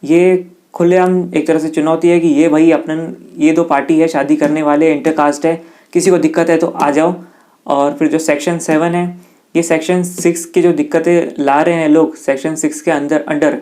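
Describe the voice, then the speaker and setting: This exam-prep teacher, an Indian-accented man, explains law in a relaxed lesson, speaking straight to his listeners and stumbling a little as he reads English passages aloud. His voice sits a little high and has a dark tone.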